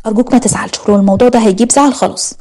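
A woman's voice: fairly high pitch, very fast, dark tone, close to an everyday voice. A woman voicing a jealous young wife in an audio story, speaking emphatically and pleadingly with an Egyptian accent. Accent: Egyptian Arabic. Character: young wife, jealous, fiery, a medical student.

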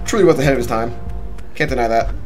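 A man's voice: mid-range voice, fast, music in the background. A young man giving casual, slangy, profane gameplay commentary with a teasing manner. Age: young adult. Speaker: game streamer. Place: small indoor room.

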